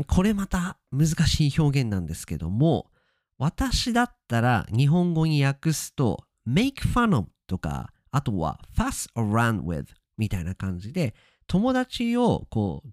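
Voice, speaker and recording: A man hosting a casual spoken lesson, explaining words with drawn-out emphasis and English glosses. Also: on the low side, no echo, studio quality. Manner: lively and sing-song, stretching key words, mixing in English glosses. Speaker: podcast host teaching Japanese vocabulary.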